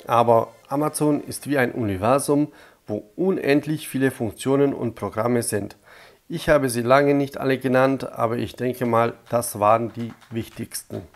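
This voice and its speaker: Faint music sits under a mid-range male voice with fairly even intonation and normal speed. He's a YouTube channel host with a cold, offering a casual, friendly, direct step-by-step tutorial.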